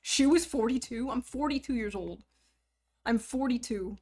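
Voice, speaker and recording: Teasing her audience and swearing without restraint, a streamer in her thirties laughs often as she talks casually on a livestream. Her voice leans high and has a slightly mellow quality.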